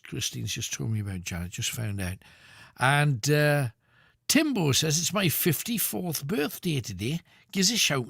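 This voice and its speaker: A man's voice: mid-range voice, gravelly, fairly bright tone, dry recording, clean studio sound. A man with a North East England accent hosting a radio phone-in with casual, matey, informal chat. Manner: informal, matey, short encouraging interjections. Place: radio studio.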